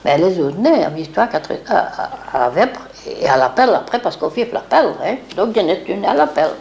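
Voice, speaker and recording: A woman's voice: fairly low pitch, sing-song, moderate pace, creaky, darkish tone, a little hiss or hum. An older woman, reminiscing in a rambling way and acting out what others said. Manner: rambling, acts out quoted speech. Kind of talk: reminiscing oral history.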